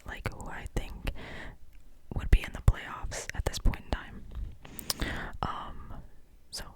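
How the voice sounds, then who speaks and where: Close-miked and whispering, a host with a Midwestern accent meanders through sports talk in ASMR fashion, stumbling over ums and restarts. The recording is rough.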